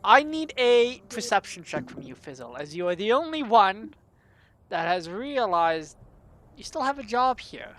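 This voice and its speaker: A woman's voice: medium pitch, sing-song, measured pace, a bit bright, a little hiss or hum. Laughing woman running a tabletop game. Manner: laughing often, loose and chatty with many fillers. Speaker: dungeon master.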